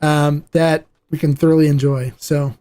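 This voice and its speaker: A man's voice: on the high side, level tone, normal speed, mellow. A man hosting a podcast, chatting in a rambling, enthusiastic and playful way. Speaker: podcast host. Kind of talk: casual chat.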